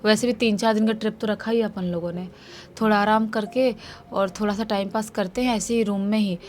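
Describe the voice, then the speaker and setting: A woman's voice: medium pitch, fairly even intonation, fairly quick, slight background noise, lightly acted. Woman doing a worn-out young guy. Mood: weary. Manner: weary, reluctant. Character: tired young man reluctant to go out.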